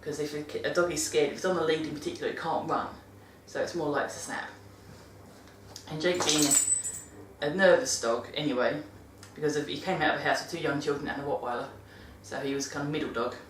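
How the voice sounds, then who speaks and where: A British vlogger chats about looking after dogs in her monthly video, rambling and often correcting herself mid-sentence. Her voice is deep and steady, and she talks fairly quickly. A distant mic gives a roomy sound, with background noise.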